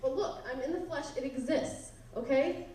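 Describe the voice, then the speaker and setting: A woman's voice: sits high, moderate pace, warm tone, a little hiss or hum. Insistent woman in a very echoey hall. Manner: insistent, pushing back. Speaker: student questioner. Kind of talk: heated campus Q&A debate. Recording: very echoey hall, far from mic, audience.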